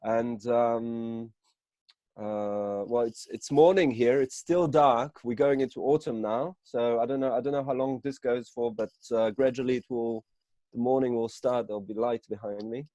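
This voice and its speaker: A man originally from Israel is introducing himself over a video call. His voice is dark and mellow and sounds dry and close. He rambles gently, with plenty of fillers and restarts. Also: mid-range voice, fairly even intonation, normal speed, dry recording. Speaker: counselor and psychotherapist. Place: home, early morning.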